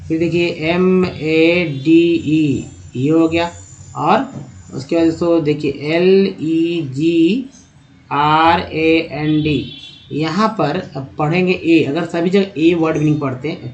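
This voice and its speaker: Male tutor, slightly raised pitch, patient step-by-step explainer who spells words letter by letter and keeps checking that viewers follow. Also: a little mellow. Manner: addresses viewers as friends, checks understanding. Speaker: English teacher. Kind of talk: spoken lesson on English pronunciation.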